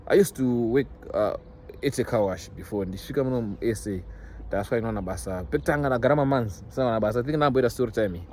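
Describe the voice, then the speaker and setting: A young vlogger with a Zimbabwean accent speaks to his followers in a fairly low, darkish voice, casual but emphatic. He repeats himself for emphasis and mixes in English phrases; the phone recording has noisy ambience behind it.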